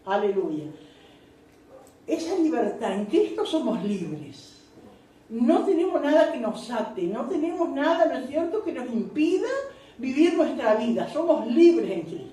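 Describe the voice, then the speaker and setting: A woman's voice: sits high, very animated, a little slow, dark tone. A woman giving church Bible teaching, preachy and full of amens and "¿no es cierto?" asides. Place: church meeting room. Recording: echoey church room, mic far off.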